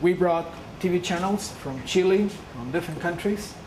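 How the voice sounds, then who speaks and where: A Peruvian woman, earnest and speaking English as a second language, presents a public lecture with slides as a guest lecturer. Her voice is lowish and moderately paced, set against a noisy room with a hum.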